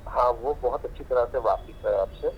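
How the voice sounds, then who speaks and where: A man's voice: mid-range voice, moderate pace, vocal fry, slight background noise. A man on a phone call, humble and reverent toward a famous actor. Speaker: caller. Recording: speakerphone line.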